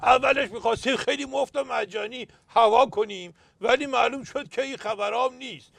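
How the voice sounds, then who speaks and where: High, gravelly-voiced man telling satirical jokes. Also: fairly bright tone, no echo. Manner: telling anecdotes with punchlines, emphatic outbursts. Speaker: satirical pundit character "Doctor". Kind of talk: scripted political satire sketch.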